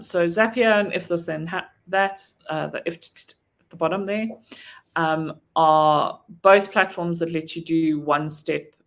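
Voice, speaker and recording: A South African woman talks through a casual online training session with a low, gravelly voice. She fills her sentences with ums and restarts herself mid-thought, in the plain manner of a virtual assistant trainer. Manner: casual, lots of ums, self-correcting.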